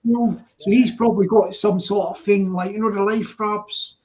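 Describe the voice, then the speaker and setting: A man's voice: sits high, fairly even intonation, moderate pace, a little mellow. A man talks casually. He is chatty and repeats himself, often agreeing as he goes. The sound is a bit muffled and lo-fi. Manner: chatty, repetitive, full of agreeing interjections. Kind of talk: casual chat. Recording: dull lo-fi live-stream audio.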